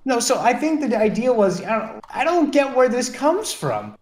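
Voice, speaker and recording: A young man co-hosting a casual podcast chat, incredulous and cracking dark deadpan jokes. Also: very high voice, moderate pace, roomy sound. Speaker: podcast co-host. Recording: faint background noise.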